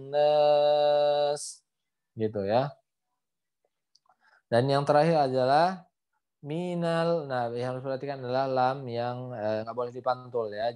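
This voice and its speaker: Slow, patient male Quran teacher. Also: mid-range voice, a little mellow. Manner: patient, repeats points and ends phrases with "ya" and "gitu ya"; models pronunciation, then slowly chants verses. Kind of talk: online tajwid lesson. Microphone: video call.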